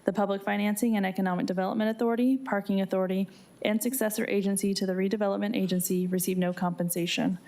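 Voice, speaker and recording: A city clerk reads formal scripted announcements in an official, procedural manner. Her medium-pitched voice is steady and warm, and she reads at a quick pace.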